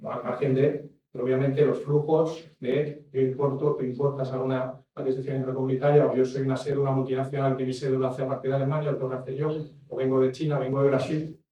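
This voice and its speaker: A man's voice: medium pitch, level tone, fast talker, few pauses, dark tone. A man giving a rambling talk as an industry expert, restarting and adding asides. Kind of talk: talk on packaging regulation. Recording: echoey room from far off mic.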